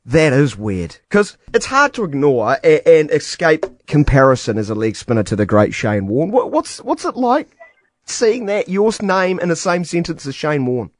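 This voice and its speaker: A man's voice: fairly high pitch, big pitch swings, normal speed, dry recording, clean studio sound. A man interviewing a cricketer with chatty, probing questions. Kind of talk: sports interview.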